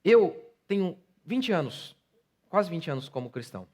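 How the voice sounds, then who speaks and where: Brazilian pastor in his forties, slightly high voice, preaching with rising passion. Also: a little slow. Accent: Brazilian Portuguese. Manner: builds from calm storytelling to loud impassioned preaching. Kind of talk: sermon.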